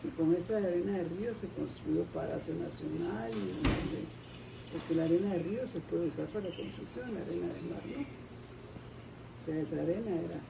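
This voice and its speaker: Here the older Guatemalan woman sounds gravelly and fairly low, with big swings in pitch at a moderate pace. She rambles through her family's story in an oral history interview, restarting and groping for names in her Guatemalan Spanish accent. The recording is noisy with cooing birds and a distant mic.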